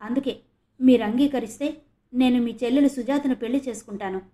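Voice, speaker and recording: A woman reading as an earnest young man who speaks plainly and resolutely. The voice stays near the narrator's own, somewhat high for a man, in an audio novel reading. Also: a little fast, mellow, natural voice.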